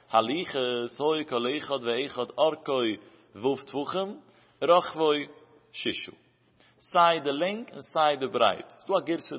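A man leads a Talmud study lesson, his speech moving in a chanting singsong cadence that rises and falls. His voice is husky and sits a little high for a man. The recording is muffled and dull, with a long reverb trailing behind him as if he is in a large hall. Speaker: Talmud teacher.

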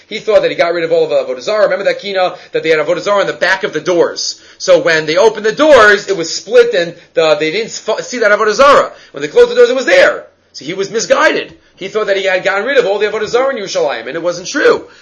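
A high-voiced man leads an informal religious lesson in an inflection. He moves between Hebrew source text and explanation, often repeating short phrases to drive a point in. The recording is a little dull and lo-fi. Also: expressive, rapid-fire, hardly any pauses, fairly bright tone, husky. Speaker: Talmud teacher.

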